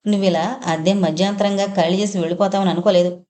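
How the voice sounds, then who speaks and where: A woman's voice: mid-range voice, steady tone, fast, warm tone, close to an everyday voice. A woman reading the part of an older landlady who complains and reproaches a departing tenant. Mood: reproachful.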